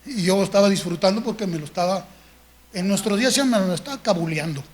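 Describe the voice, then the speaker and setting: High-voiced older pastor preaching. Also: male voice, fast. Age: 60s. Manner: conversational preaching with folksy anecdotes and tag questions. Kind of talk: sermon.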